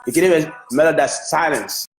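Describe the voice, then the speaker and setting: Speaking briskly in a rather high voice, a man whose first language is Swahili talks on a Facebook live via his phone. As a music manager, he eagerly praises an artist, repeating himself and restarting phrases.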